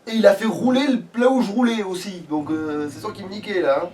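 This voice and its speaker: With a high, darkish voice and a brisk delivery, a man narrates his gameplay for a let's play in a casual, cursing, slang-filled way. The audio comes from a distant mic and has background noise.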